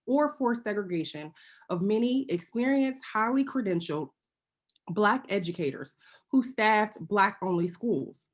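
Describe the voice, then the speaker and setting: A woman giving prepared remarks as a panelist over a video call. She speaks earnestly and pointedly, with wry asides, and now and then clears her throat. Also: medium pitch. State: occasionally choking and clearing throat.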